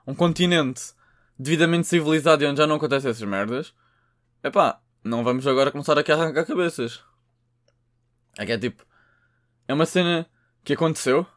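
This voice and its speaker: A man's voice: mid-range voice, no echo, clean studio sound. A young man with a European Portuguese accent, rambling through a casual podcast monologue, full of slang, swearing and filler words. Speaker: podcast host.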